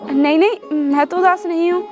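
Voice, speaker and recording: Meek pleading daughter-in-law. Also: male voice, extremely high pitch, steady tone, moderate pace, over music. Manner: pleading, soft-spoken. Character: meek, long-suffering young daughter-in-law. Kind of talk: amateur Hindi family drama.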